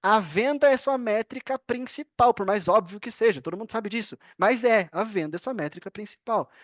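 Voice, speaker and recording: In a muffled, dry recording, a Brazilian woman with a mid-range voice talks in Portuguese at a normal pace as a podcast guest who works in affiliate marketing. Opinionated and emphatic, she explains things casually through examples, self-directed questions, and repeated main points.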